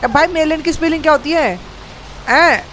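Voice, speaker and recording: Gamer host, male, slang, hoarse throat, unusually high pitch, excitable and repetitive, faint room hum. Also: brisk. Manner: excitable, slangy, repeats himself. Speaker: gaming YouTuber host. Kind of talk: live gameplay commentary.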